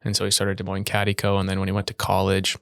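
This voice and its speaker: A young man from Iowa chatting as a podcast guest, relaxed and quick to laugh. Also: low-pitched, dry recording, clean studio sound. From Iowa, USA. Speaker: podcast guest, video production business owner. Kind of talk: casual interview conversation.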